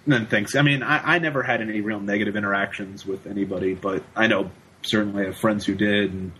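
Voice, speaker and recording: A young man with a fairly low voice, speaking as a student guest on a casual podcast. He talks haltingly, stacking restarts and repeated words while he looks for the right phrasing. Faint background noise runs underneath. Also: steady tone, pushed and bright, poor audio. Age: young adult. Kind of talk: casual conversational interview.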